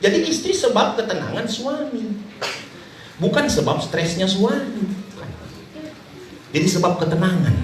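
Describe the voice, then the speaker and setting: A man preaching a sermon, telling a story with lively acted voices and low asides. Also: a little hiss or hum. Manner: animated, swings between high acted voices and low asides. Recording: echoey, distant hall recording.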